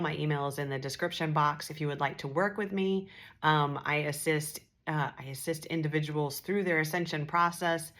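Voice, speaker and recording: Woman with a deep voice and a froggy morning voice, chatty vlog, earnest and reassuring. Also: a bit bright. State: groggy morning voice. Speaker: spiritual channeler and host. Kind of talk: casual direct-to-camera vlog.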